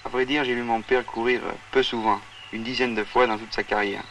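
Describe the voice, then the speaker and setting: A man in his twenties answers questions earnestly, hesitating and repeating words. His low voice stays flat. He is a little far from the mic on an old 1960s recording with faint hiss. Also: a little fast. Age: 20s. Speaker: interviewee. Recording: distant 1960s outdoor film sound.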